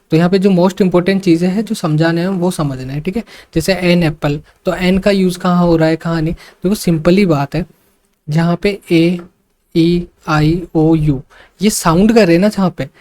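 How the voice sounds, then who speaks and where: A man tutoring English grammar for exam students, explaining slowly and repeating his points with frequent fillers and English terms mixed in. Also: high voice, darkish tone. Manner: mixes English terms into speech. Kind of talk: online exam-prep lesson.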